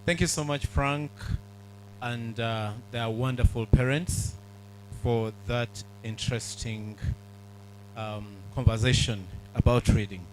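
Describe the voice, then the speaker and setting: A middle-aged man addresses an audience in an earnest, measured way. He pauses often and uses fillers. His voice is mellow and dark, with a faint hum behind it. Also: medium pitch, steady tone, rough recording. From Uganda. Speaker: speaker at a book launch. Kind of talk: public speech to an audience.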